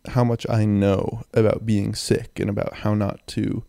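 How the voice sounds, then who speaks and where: A young man hosts a casual solo podcast while sick with a cold. His low voice is phlegmy and gravelly, and he rambles along in a low-key way. The handheld mic is close and the sound is very dry. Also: level tone, a little slow, mellow, dry recording. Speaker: podcast host. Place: in bed, indoors. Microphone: handheld mic and audio recorder, close.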